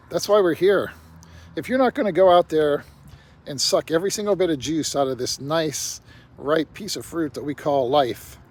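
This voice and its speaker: An older man talking bluntly to camera in a rambling casual monologue, peppered with "you know". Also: on the high side. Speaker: vlogger. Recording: faint outdoor traffic noise.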